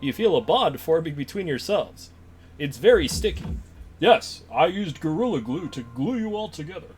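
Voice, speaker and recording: A man's voice: on the high side, big pitch swings, normal speed, darkish tone, faint music behind. A man streaming a video game, chatting casually and joking with a friend. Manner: joking, laughs often. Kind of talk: casual gameplay chat.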